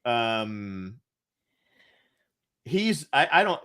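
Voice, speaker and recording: A man co-hosts a casual chat with a candid, rambling delivery. He fills pauses freely and breaks into laughter mid-sentence. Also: medium pitch, very animated, a bit bright, clear, resonant tone. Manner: rambling and candid, with frequent fillers; laughs often while talking. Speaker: co-host.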